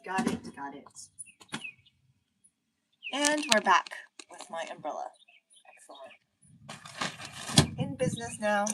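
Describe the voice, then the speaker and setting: A woman's voice: medium pitch, distant mic, heavy background noise. A woman hosting a casual live gardening stream outdoors, chatting with viewers and reading their comments while she plants in the rain. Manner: chatty, reads viewer comments aloud, talks while working. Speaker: gardening livestream host. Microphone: phone set up outdoors.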